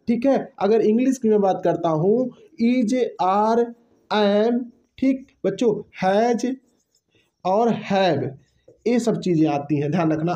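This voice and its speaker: A man's voice: high voice, darkish tone. A man teaching an English grammar lesson to students, repeating key terms and answering his own questions. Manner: addresses students directly, stretches words for emphasis. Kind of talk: classroom-style grammar lesson.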